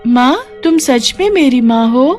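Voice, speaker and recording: A woman voicing a young girl in a cartoon story, high, excited and tearful by turns. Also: a little slow, faint music behind. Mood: relieved. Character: young girl, grieving daughter.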